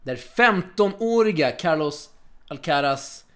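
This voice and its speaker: A man hosting a casual tennis podcast in a chatty way, with quick asides and frequent fillers. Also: fairly high pitch, animated. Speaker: podcast host.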